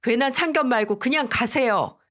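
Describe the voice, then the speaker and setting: A woman's voice: a little high, normal speed, fairly bright tone, voice pushed up, natural voice. A woman voicing a defiant young wife who snaps dismissively at her mother-in-law in a read-aloud family drama story. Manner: snappish, dismissive.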